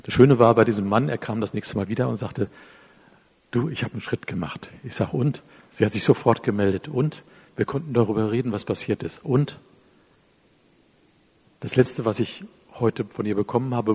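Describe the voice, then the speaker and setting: A man preaching a sermon, speaking directly to his listeners, acting out little dialogues and dropping to quiet phrases at the ends of lines. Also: fairly low pitch, breathy edge. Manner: drops to soft, quiet phrases at line ends. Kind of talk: sermon with a closing prayer.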